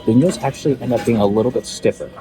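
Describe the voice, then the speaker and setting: A food vlogger hosts his show, offering casual, enthusiastic commentary on what he eats. His voice is medium-pitched and races along over music.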